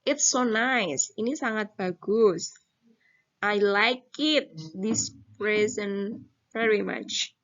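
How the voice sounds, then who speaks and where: Slow-talking Indonesian woman teacher, lo-fi. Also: medium pitch, a bit bright. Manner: reads English phrases slowly, then explains in Indonesian. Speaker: English teacher. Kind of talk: recorded online lesson.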